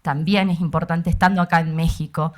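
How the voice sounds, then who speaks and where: A woman addresses a university panel in a rousing political speech, piling up repeated phrases between fillers. Her voice sits somewhat low for a woman. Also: steady tone, brisk. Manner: impassioned, rallying, frequent fillers. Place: university auditorium.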